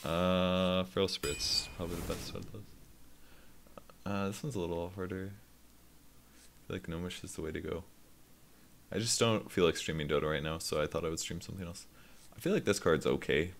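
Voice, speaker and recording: A man's voice: low-pitched, gravelly. A man casually commenting on his own card game play as a streamer, self-deprecating and swearing freely.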